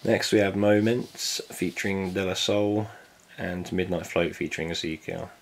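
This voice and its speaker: A man's voice: sits low, steady tone, normal speed, vocal fry, a little hiss or hum. A man chatting casually as he unboxes a vinyl set, laid-back and jokey, swearing now and then. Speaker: vinyl collector vlogger.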